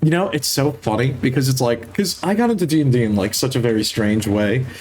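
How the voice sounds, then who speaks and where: Young guy streamer rambling about tabletop games, lots of likes and you knows, mid pitch. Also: expressive, brisk, a crowd in the background. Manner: rambling, filler-heavy, laughs easily. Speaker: streamer and tabletop game master. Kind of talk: casual chat.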